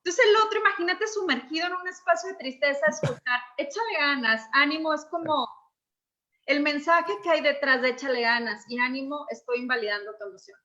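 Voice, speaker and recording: Woman coach, expressive explainer, high bright voice. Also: fairly quick, muffled recording. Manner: expressive, reenacts dialogue. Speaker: emotions coach. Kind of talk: conversational explanation.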